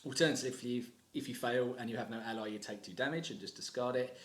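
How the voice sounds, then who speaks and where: A man cutting in on his own playthrough to explain a card in a brisk, explanatory way. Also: medium pitch, a bit bright, roomy sound. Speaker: card game player. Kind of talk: recorded aside explaining a card.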